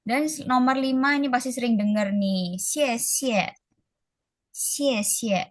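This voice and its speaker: A woman's voice: fairly high pitch, dry recording, studio quality. Chatty woman tutor teaching Mandarin. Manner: slow, drawn-out model pronunciations; casual, chatty teaching, calls students guys. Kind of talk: online language class. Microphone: video call.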